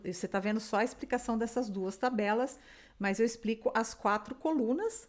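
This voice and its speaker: A woman from Brazil teaching an English lesson in Portuguese, patiently drilling words slowly for the listener to repeat. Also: medium pitch. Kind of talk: online language lesson.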